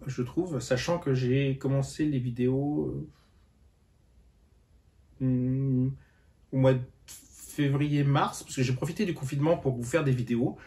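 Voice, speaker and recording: In a casual reading-update vlog, a weary man with a medium-pitched, slightly mellow voice chats with his audience about books. His speech is hesitant, packed with fillers and false starts.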